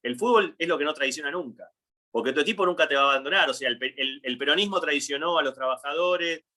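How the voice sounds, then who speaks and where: A man's voice: fairly high pitch, fast, bright, forceful tone. A man in his thirties with an Argentine accent, hosting a casual discussion and thinking aloud with frequent restarts. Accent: Argentine Spanish. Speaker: host.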